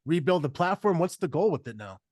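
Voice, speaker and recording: A man's voice: a little high, very animated, brisk, darkish tone, dry recording, clean studio sound. A man hosting a podcast, talking in a rambling, casual way with many fillers. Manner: rambling, filler-heavy, says bro a lot. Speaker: podcast host. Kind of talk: casual interview chat.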